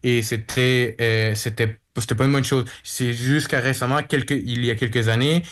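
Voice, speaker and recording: A man's voice: medium pitch, steady tone, moderate pace, a bit bright. A young man interpreting a guest's words on the radio, restarting and rephrasing often. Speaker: simultaneous interpreter.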